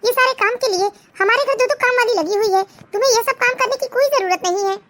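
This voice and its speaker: A woman's voice: very high voice, fast talker, fairly bright tone, a little hiss or hum. A woman voicing a kindly but bossy middle-aged mother-in-law in a cartoon. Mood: fond. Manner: fond, bossy. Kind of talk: Hindi cartoon voice acting.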